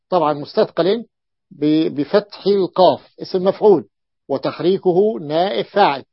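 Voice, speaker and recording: A male religious teacher talks through a lesson with a somewhat high, dry voice. He reads quoted lines slowly, repeats key points and checks often that his students are following. The recording sounds dull and lo-fi. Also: no room sound. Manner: repeats points and checks understanding with quick questions; reads quoted text slowly, then explains it. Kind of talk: explanatory classroom lecture.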